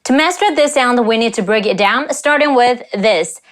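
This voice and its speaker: A woman's voice: fairly high pitch, expressive. Woman from China teaching pronunciation. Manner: explanatory, slowly demonstrates tones and sounds. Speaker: host and language teacher. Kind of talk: reaction video with pronunciation lesson.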